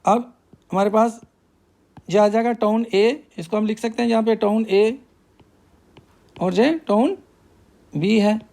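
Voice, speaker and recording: A man's voice: high voice, takes it slowly, gravelly, pauses often, darkish tone. A male math teacher, working through a problem step by step and asking himself questions before he answers them.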